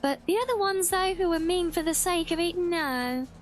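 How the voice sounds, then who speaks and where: High-voiced woman chatting over gameplay. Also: moderate pace. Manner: chatty, rambling, thinking aloud. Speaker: game streamer. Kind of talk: casual gameplay commentary.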